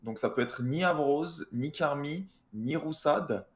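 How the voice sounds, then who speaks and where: A man chatting casually with fellow players in an online deduction game, reasoning out loud as he argues his case. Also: on the high side, unhurried. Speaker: gamer, video host. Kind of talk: casual group discussion during online social deduction game.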